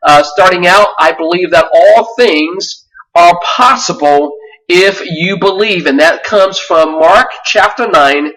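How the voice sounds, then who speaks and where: A man in his forties, from Vietnam, gives an earnest sales-pitch webinar and keeps restarting his sentences. His voice is bright and sits fairly high. He sounds set back from the microphone. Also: slow, distant mic, poor audio. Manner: earnest, with frequent fillers and restarts. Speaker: webinar presenter.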